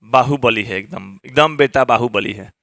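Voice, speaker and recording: Male teacher, bright voice, dry close mic, acts out story lines. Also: mid-range voice, moderate pace, creaky, no room sound. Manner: acts out characters' quoted lines in a raised voice. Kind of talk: explaining a story in a lesson.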